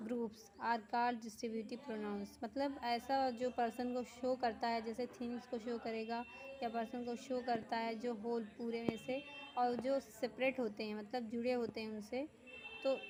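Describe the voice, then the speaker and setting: A woman teacher giving a grammar lesson, reading definitions slowly word by word, then explaining them quickly. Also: a little high, poor audio. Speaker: school teacher.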